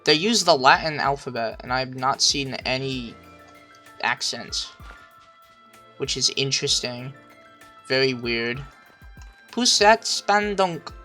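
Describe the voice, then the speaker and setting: Casual male streamer, medium pitch, swears a lot, dithers out loud, yells when excited, faint music behind. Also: unhurried, long pauses. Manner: swears constantly, thinks aloud, second-guesses himself; bursts into loud excited shouts. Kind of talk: casual gameplay commentary.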